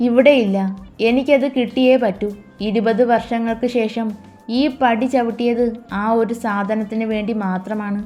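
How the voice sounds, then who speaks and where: A sly, scheming man of fifty coaxes and threatens under his breath, as a woman narrator reads him. The voice stays fairly high with faint music running beneath it. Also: steady tone, a little slow, a little mellow, natural voice. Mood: bitter. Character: scheming 50-year-old man, smooth and sly.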